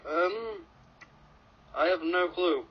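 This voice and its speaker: A young man on a podcast, quiet and reluctant, giving short answers in casual chat. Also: sits high, drawn-out words, lo-fi sound, a loud crowd. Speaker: podcast guest.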